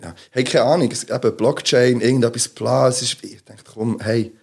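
A man's voice: mid-range voice, fairly even intonation, normal speed, creaky, breathy edge. A man with a Swiss German accent, chatting casually as a podcast co-host and rambling through stories with many fillers. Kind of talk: casual chat.

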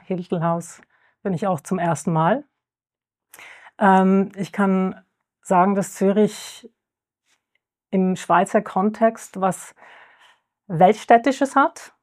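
Young woman panelist, low and even, hesitant, thinks aloud. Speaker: panel guest. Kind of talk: panel discussion.

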